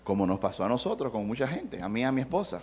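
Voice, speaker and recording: A man's voice: medium pitch, big pitch swings, quick pace, darkish tone, a little hiss or hum. A middle-aged male pastor preaching a sermon in a conversational way, acting out quotes and adding humor.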